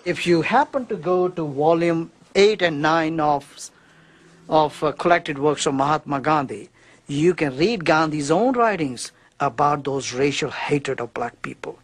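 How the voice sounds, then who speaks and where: A man's voice: a little high, unhurried. A man giving an interview as a researcher, speaking in an earnest, accusatory way.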